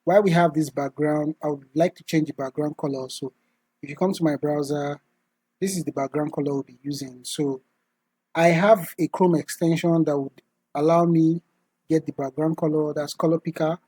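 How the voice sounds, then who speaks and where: Husky man walking through a software tutorial. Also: on the high side, steady tone, moderate pace, dry recording, low-quality recording. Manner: methodical, talks through each step. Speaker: tutorial instructor. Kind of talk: screen-recorded software tutorial.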